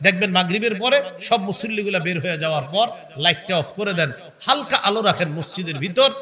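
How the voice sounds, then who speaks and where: Man preaching, high voice, long hall reverb. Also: fast. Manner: animated preaching with chanted Quran recitation. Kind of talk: Islamic waz sermon.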